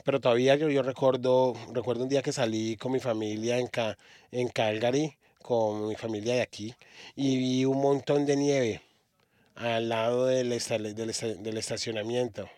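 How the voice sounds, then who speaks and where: A male preacher from Australia delivers a sermon at a middle pitch, often pausing and repeating words as he gathers his thoughts. The voice is close and dry, with hardly any room sound. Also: fairly even intonation, a little mellow, dry recording. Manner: halting, frequent restarts and repeated words. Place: church.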